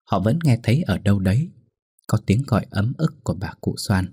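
A man narrating a ghost story in a steady, suspenseful way. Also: on the low side, brisk, breathy edge, no room sound, studio quality.

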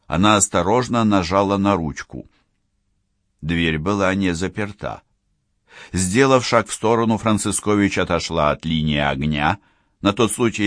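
A man narrating a crime thriller audiobook, telling the story in a lively way. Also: low voice, dry recording, clean studio sound. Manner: lively storytelling, voices many characters. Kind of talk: scripted narration.

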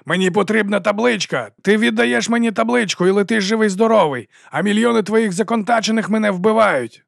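Guy doing a defiant young hero yelling his demands, higher voice. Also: fairly quick, vocal fry, no room sound, studio quality. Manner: shouting, defiant.

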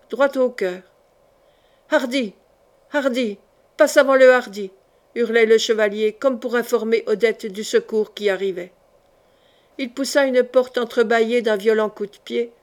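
Brief: female audiobook narrator, steady and dramatic, slightly high-pitched. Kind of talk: scripted narration of a historical novel.

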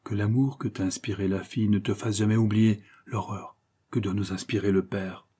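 A man voicing a loyal young brother speaking earnestly. The husky, dark voice urges gently, sincere and steady. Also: on the low side, normal speed. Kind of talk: audiobook character reading.

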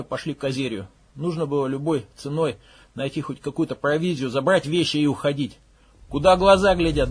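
A man reads an audiobook in a blunt, coarse style, swearing casually along the way. His voice is husky and sits a bit high. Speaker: audiobook narrator. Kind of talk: audiobook narration.

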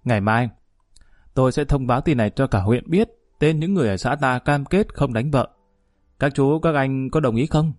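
Man voicing a calm, firm village woman. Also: medium pitch, dry recording, clean studio sound, lightly acted. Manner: measured, plain-spoken, commanding.

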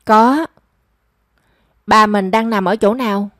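A woman's voice: mid-range voice, takes it slowly, fairly bright tone, no echo, clean studio sound. A woman doing a remorseful young daughter. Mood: anxious. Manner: pleading and emotional.

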